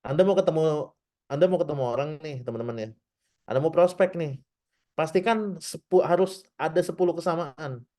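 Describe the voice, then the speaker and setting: A man's voice: fairly high pitch, brisk, pauses often, darkish tone. A man in his thirties teaching a casual online marketing class, chatty, often tagging his points with little checks and acting out short example dialogues. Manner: frequent "ya" tags, addresses "teman-teman". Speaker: digital marketing trainer.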